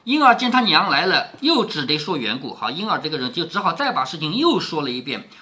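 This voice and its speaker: Male storyteller-commentator, lively pitch, explains and checks in with listeners. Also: a little fast. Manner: explanatory, asking listeners rhetorical questions. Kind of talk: reading a classic novel aloud with commentary.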